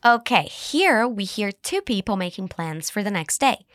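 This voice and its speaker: Woman host, English teacher, animated pitch, dry close mic, spells out phrases slowly. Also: no room sound. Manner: cheerful, slow model phrases to repeat. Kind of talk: scripted language lesson.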